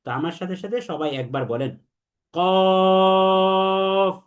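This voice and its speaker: A young man teaching Arabic letter pronunciation, repeating sounds slowly for students to echo back. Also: sits high, animated, highs cut off. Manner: slow, repetitive drilling, has students repeat after him. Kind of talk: online lesson on Arabic letters.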